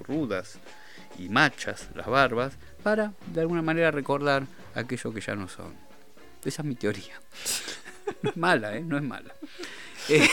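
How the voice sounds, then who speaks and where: A radio talk show host with a Rioplatense Argentine Spanish accent rambles and jokes through casual chat, clearly amused with himself. His voice sits at a medium pitch and has a fairly bright tone.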